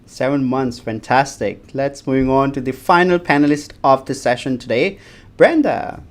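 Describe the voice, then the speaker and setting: A man's voice: medium pitch, moderate pace. A man moderating a livestream panel, giving formal notes to viewers in a polite, announcing manner.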